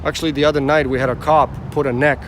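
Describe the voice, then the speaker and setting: Speaking fast with little pitch movement, this man has a fairly high, fairly bright voice and slight background noise around him. He's a rideshare driver from the former Yugoslavia livestreaming from his car on city streets, rambling casually, repeating himself, and replying to the chat.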